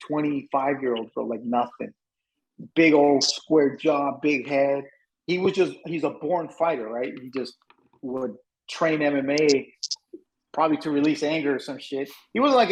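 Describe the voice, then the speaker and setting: A man co-hosting a podcast, telling a story in a casual, animated way, swearing and saying "bro" a lot. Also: a little high, rough recording. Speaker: podcast co-host.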